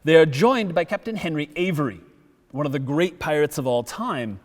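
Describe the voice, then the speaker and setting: A middle-aged man giving a lively public history lecture as a guest speaker in a town hall, telling it like a story. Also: a little high, normal speed. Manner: lively storytelling, acts out quotes. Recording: long hall reverb.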